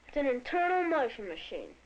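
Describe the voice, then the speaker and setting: A woman's voice: high voice, big pitch swings, brisk. A woman playing a proud, stubborn young child inventor in scripted 1970s educational film dialogue. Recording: dull, faintly noisy vintage film soundtrack.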